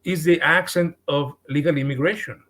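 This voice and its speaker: A man with a Mexican accent, a guest on a podcast, speaking earnestly and haltingly, often repeating words as he restarts. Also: fairly high pitch, fairly even intonation, a bit bright. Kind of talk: podcast interview.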